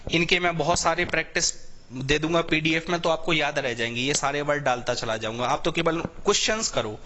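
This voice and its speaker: A male teacher runs a live online class. His voice is bright and slightly high, he stretches out words as he spells them, and he keeps checking in with his students. Faint noise and clicks sit behind him. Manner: repetitive, checks in often with "theek hai bhai". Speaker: English teacher for exam preparation.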